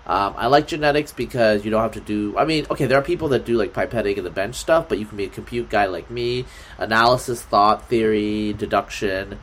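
A man with a fairly low voice speaks briskly as a guest on a podcast. The conversation is casual, and his delivery is lively, meandering, and full of fillers.

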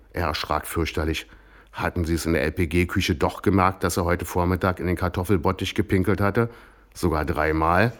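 A man reading a comic story aloud as the narrator, with a dry storytelling manner. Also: sits low.

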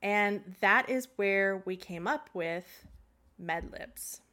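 Woman, podcast co-host, casual chat, quirky and chatty, laughs easily, average pitch. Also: slow pace, sharp tone.

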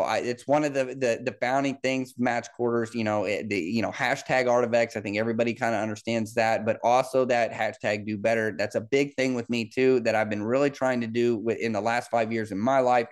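A man's voice: medium pitch, steady tone, brisk, hardly any pauses. Thirty-something man hosting a solo podcast. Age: 30s. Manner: conversational with frequent fillers and restarts. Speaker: podcast host and football coach.

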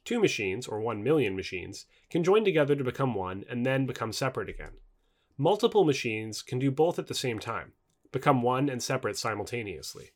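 A man reads a non-fiction book aloud in audiobook style, handling its formal prose from a script. His pitch moves lively, his pace is quick, and every phrase is clearly enunciated.

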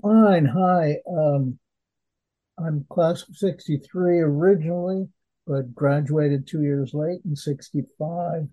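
A man's voice: on the high side, slow pace, mellow, lo-fi sound. A man in his eighties introducing himself on a group call, hesitant with fillers. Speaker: guest. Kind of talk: casual self-introduction.

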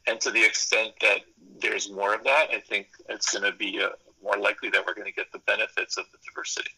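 A native Spanish speaker who is a psychology professor and consultant explains ideas thoughtfully in a radio interview, piling up lists and correcting himself along the way. His fairly low voice is level, fast, sharp and breathy-edged, on a rough recording.

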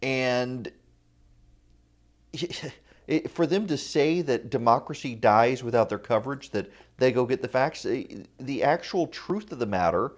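A man hosts a talk radio show in a conversational, opinionated way, with a middle-pitched voice. He drops in dry, informal asides. The sound is echoey, picked up by a lav mic in a room with bare acoustics. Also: animated, measured pace. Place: indoor room at a college without sound paneling. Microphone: lavalier.

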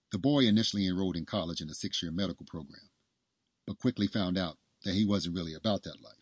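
A man hosting and narrating a scripted story in a measured storytelling manner. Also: low-pitched, slightly rough, dry recording. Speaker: host and narrator.

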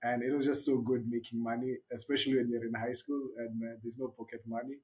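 A Kenyan man in his thirties speaking as a guest in a relaxed interview. His voice sits at an everyday middle pitch, and he talks easily about his background, laughing now and then. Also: fast, poor audio. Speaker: startup founder, guest. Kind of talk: casual interview talk.

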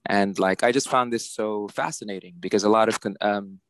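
A man's voice: fairly low pitch, steady tone, a little fast, a bit bright, no echo. A middle-aged man from the Philippines, a guest artist, explaining things in a chatty way with many fillers. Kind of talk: casual interview.

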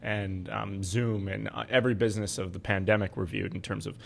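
Low-voiced man chatting about finance. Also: little pitch movement, brisk, vocal fry, a little hiss or hum. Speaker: podcast co-host and investment adviser. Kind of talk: casual finance chat.

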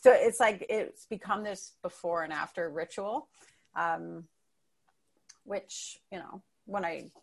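A Canadian woman with a fairly low voice, a comedian guesting on a podcast. She tells relaxed, chatty stories and laughs often as she talks. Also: slow, vocal fry, husky. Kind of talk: casual chat.

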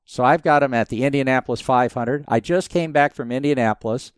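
A man in his fifties tells stories as a podcast guest, his voice smooth and resonant on a dry, close recording. He rambles with plenty of restarts but keeps the telling lively. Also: mid-range voice, brisk, dry recording. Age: 50s. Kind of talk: casual storytelling interview.

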